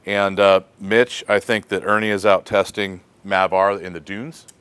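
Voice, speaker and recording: A deep-voiced American man leads a laid-back shop chat. His voice is smooth and clear. He muses aloud and leans on easy fillers as he answers questions. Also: a little slow. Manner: relaxed, thinking aloud with fillers. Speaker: host of a shop question segment. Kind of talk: casual shop talk.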